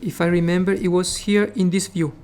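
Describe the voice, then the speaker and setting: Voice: mid-range voice, flat delivery, a little fast, a little mellow. Caribbean-Spanish-accented coding teacher. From Latin America, Caribbean. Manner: repeats 'remember' and 'okay', explains step by step, coaxes students. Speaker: programming instructor. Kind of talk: live coding class with students.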